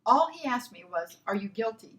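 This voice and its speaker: A woman's voice: a little high, a little fast, poor audio. A woman telling a personal faith testimony in a casual way, stammering and acting out the voices of her story. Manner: animated, acts out quoted dialogue, stammers and repeats herself.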